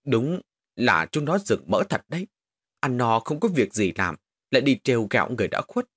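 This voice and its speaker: A man's voice: medium pitch, big pitch swings, moderate pace, a bit bright, breathy edge, dry recording, clean studio sound. A man voicing a middle-aged mother who scolds her son shrilly. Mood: exasperated.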